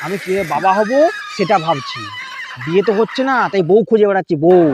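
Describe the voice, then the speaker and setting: Pleading young man, high lively voice. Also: fast talker, background noise. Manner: pleading and whiny, then grumbling. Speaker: comic sketch performer. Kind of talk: sketch comedy, playing several parts.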